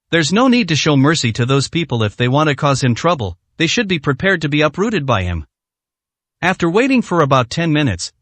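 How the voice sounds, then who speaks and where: A man narrating a translated novel in a steady, plain reading style. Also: on the high side, no room sound. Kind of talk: storybook narration.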